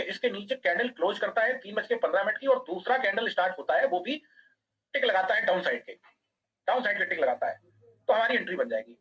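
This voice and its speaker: A man teaching a live online trading class, talking fast in a high, husky voice. He explains a chart point by point and checks with students by name whether they understand. The sound is dull and lo-fi.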